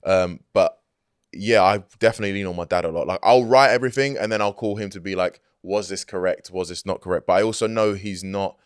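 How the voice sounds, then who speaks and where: Speaking briskly, this young man, a hip-hop guest of Greek descent who grew up outside Greece, keeps a casual interview chat relaxed and loose. His voice is deep, smooth and resonant, and fillers like "like" and "you know what I mean" run through everything he says. Captured in a recording studio, the audio is close, dry and free of echo.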